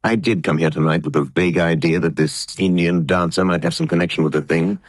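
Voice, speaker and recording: Brief: a calm confident crime fighter for an old radio play, very deep, husky, dry. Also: male voice, fast, dry recording. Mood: concerned. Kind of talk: 1930s radio drama acting.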